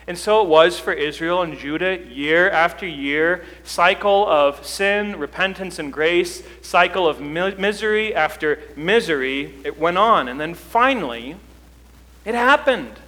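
A man's voice: sits high, expressive, a little slow, bright, forceful tone. A man preaching a sermon as pastor in a church, talking through his points conversationally with rising emphasis. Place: church sanctuary. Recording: church hall reverb.

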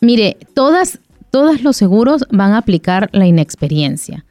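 A woman's voice: medium pitch, big pitch swings, moderate pace, mellow, no echo. A woman speaking as an insurance agent guest on a radio call-in show, explaining things patiently. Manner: explanatory, patient, repeats "como les digo".

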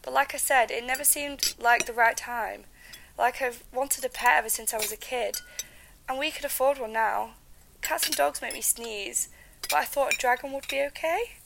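British female, acting, affectionate eager young-family mum for audio drama; fairly high with vocal fry. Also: normal speed, noisy background. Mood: hopeful, coaxing. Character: affectionate, eager wife and mother calling from home.

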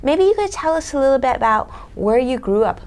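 A woman's voice: high-pitched, very animated, a little fast, darkish tone. Enthusiastic woman podcast host. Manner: enthusiastic, eager questions. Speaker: show host. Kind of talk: interview hosting.

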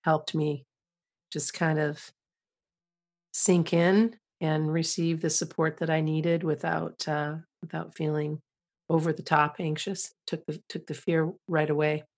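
A woman hosting a self-help podcast, talking calmly with a gentle, measured, soothing delivery. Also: low-pitched. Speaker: podcast host. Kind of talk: calm self-help podcast talk with guided breathing instruction.

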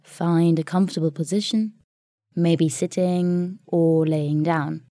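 Woman, meditation guide, soft and soothing, slightly low pitch, very slow pacing, long pauses, dry sound. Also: steady tone, no room sound.

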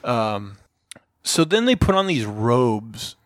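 A man talks through a film's plot on a podcast in a loose, casual way, circling back with fillers and restarts as he goes. His voice sits at an ordinary middle pitch. The sound is dry, with almost no room echo. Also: big pitch swings, slow pace, fairly bright tone. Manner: rambling, many fillers and restarts. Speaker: podcast co-host. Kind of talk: casual film review chat.

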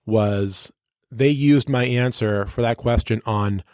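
A radio personality and DJ sits down as an interview guest and tells stories casually, with a showman's flair for a colloquial turn of phrase. His medium-pitched voice is slow and a little mellow, captured in a dry, clean studio recording.

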